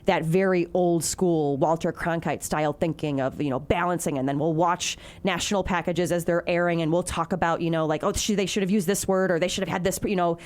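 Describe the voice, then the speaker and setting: A woman's voice: lowish voice, steady tone, brisk, few pauses, a little mellow. A woman from the Chicago area, a TV news anchor, chatting in an interview with lots of fillers and restarts. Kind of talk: casual interview chat.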